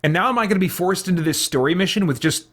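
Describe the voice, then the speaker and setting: A man hosting a gaming video gives casual let's-play commentary in a high, racing, slightly bright voice. He mutters hesitantly to himself as he thinks aloud, letting out mild oaths.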